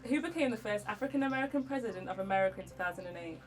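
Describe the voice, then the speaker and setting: A woman hosting a scripted quiz show, reading out the questions briskly with a few stumbles. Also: mid-range voice, lively intonation. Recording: distant mic with faint music behind.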